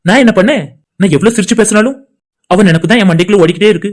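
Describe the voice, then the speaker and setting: A man's voice: high-pitched, over music. A man voicing friends in casual banter for a home-made cartoon. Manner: rapid, chatty everyday banter between friends. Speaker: cartoon channel creator voicing all characters. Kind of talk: cartoon dialogue voice acting.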